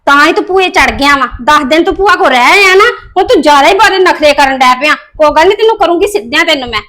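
A woman's voice: high voice, animated, fast talker, bright, forceful tone. A woman playing a domineering mother who scolds and threatens her child. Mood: scolding. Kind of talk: family drama acting.

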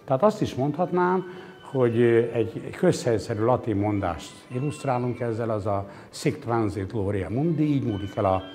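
A man in his 60s, an exhibition curator, is interviewed in an indoor gallery, explaining reflectively and philosophizing with hesitations and emphatic points. He has an expressive, mid-range, slightly mellow voice, picked up on a lapel mic over background music.

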